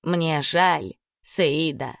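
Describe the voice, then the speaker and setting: Brief: worried female servant in an audiobook, read by a woman, halting speech, lowish voice. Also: gravelly, no room sound, clean studio sound, heavily acted. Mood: sorrowful. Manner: pleading, broken grammar.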